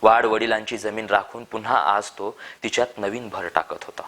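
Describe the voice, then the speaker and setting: A man reading a short story aloud in calm, measured narration. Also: fairly low pitch.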